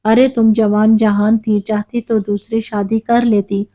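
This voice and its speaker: A woman's voice: fairly high pitch, little pitch movement, mellow, close to an everyday voice, rough recording. A woman voicing an outspoken female neighbour who lectures bluntly. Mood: lecturing.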